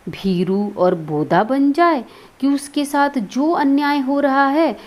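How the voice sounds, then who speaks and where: A stern male master of the house with a loud, scolding voice that is close to shouting, as a woman reads his lines. He sounds harsh and demanding as he drills his point home. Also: sits high, slow pace, voice pushed up. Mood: lecturing.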